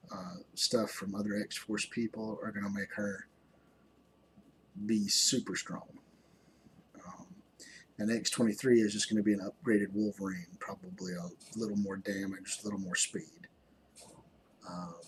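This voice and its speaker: A man with a fairly low voice talks through a mobile game as a YouTuber, tired and rambling, pausing on ums and restarting sentences. A faint room hum sits behind him. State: tired, yawning. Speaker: gaming YouTuber. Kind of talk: casual game commentary.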